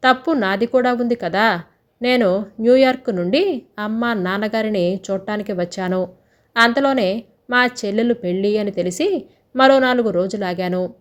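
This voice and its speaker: Woman voicing a gentle teasing young groom. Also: medium pitch, lightly acted. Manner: soft, affectionate. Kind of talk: storybook dialogue.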